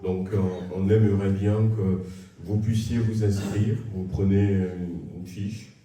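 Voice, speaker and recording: A man's voice: deep voice, little pitch movement, slow, dark tone. A man giving church announcements to the congregation in a hesitant, friendly way, with many filler sounds. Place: large church hall, indoors. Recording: very echoey church hall, from far off.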